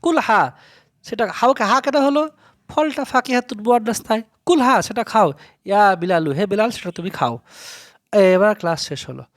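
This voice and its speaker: A language teacher giving a step-by-step lesson, reading phrases slowly and then translating and explaining them, often asking and answering their own questions. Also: medium pitch, no room sound, clean studio sound.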